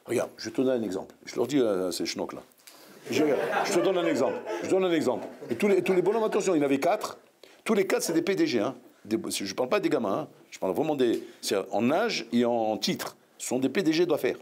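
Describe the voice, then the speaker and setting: A man, a rabbi, preaching a sermon in a lively, scolding way full of rhetorical questions. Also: mid-range voice, fast.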